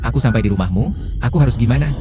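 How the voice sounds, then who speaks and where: An actor playing an anxious young husband in a dubbed drama series, sounding uneasy and rushed. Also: male voice, medium pitch, lively intonation, dull audio, over music, natural voice. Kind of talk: Indonesian dub of a drama series. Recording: noisy, with vehicle sounds.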